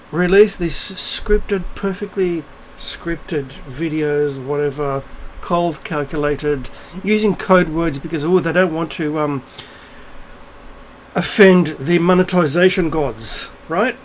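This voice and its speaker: A man's voice: fairly high pitch, slow, slight background noise, poor audio. A middle-aged man in an unscripted, ranting video monologue, blunt and profane, rambling with many fillers and restarts. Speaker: video blogger.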